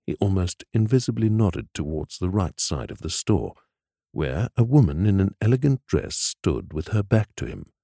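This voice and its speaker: A man narrating a novel in a measured, expressive storytelling manner. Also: sits low, creaky, no echo, studio quality. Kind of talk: scripted audiobook narration.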